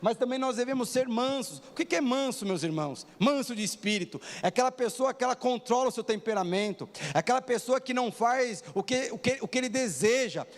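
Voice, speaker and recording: A man in his forties preaching a sermon in a church, often asking the congregation rhetorical questions. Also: high-pitched. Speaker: pastor. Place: church hall. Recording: long hall reverb.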